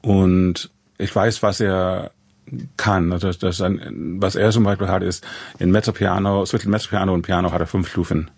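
Deep gravelly man. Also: steady tone, darkish tone, no echo. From USA. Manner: thoughtful, halting, with many restarts and fillers. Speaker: composer. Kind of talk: interview conversation.

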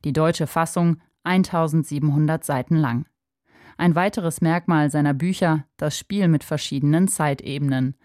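A woman's voice: deep voice, moderate pace, darkish tone, no echo, clean studio sound. A woman reporter reading a scripted obituary narration. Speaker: radio reporter.

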